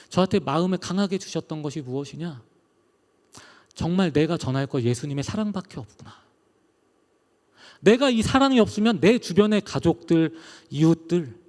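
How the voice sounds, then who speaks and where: A middle-aged male pastor preaches a personal testimony sermon. His fairly high voice rises and falls with feeling, and it is very lively in pitch. Long reverb from a large hall trails each phrase. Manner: emotional, rising and falling delivery.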